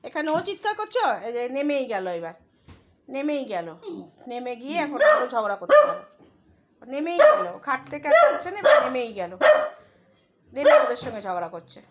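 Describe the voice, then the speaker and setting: High lively woman soothing a barking dog. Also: fairly quick. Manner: coaxing, soothing baby talk to a dog. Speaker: pet owner filming her dog. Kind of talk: casual home vlog. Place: home, indoors. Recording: loud dog barking behind her.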